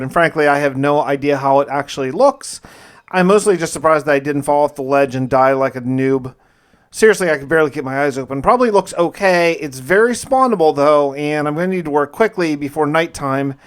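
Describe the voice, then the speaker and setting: This gamer narrates his survival challenge as first-person roleplay in a fairly high, clear and resonant voice. His tone is relaxed and confiding, almost like a private journal, sprinkled with mild everyday exclamations.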